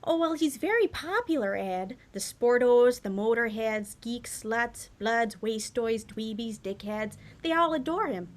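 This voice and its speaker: Wisecracking secretary read by a woman in a loose table read, dry delivery, higher pitch. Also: animated, measured pace, few pauses. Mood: wry. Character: sardonic middle-aged female school secretary. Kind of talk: unrehearsed script read-through.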